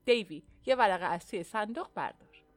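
Mr. Summers, a woman doing a brisk village official. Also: medium pitch, animated, close to an everyday voice.

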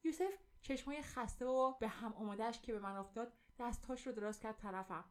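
Expressive woman storyteller, fairly high voice. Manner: vivid, expressive first-person telling. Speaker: narrator. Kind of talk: dramatic storybook narration.

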